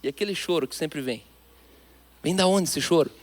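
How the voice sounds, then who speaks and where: High-voiced Brazilian pastor preaching emphatically. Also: male voice, normal speed. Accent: Brazilian Portuguese. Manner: emphatic, with sudden swings between loud and hushed. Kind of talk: sermon.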